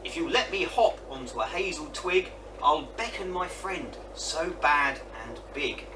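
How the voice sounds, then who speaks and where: A man's voice: fairly high pitch, animated, measured pace. A man voicing a small, clever male mouse in a storybook, polite and persuasive. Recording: distant mic, noisy.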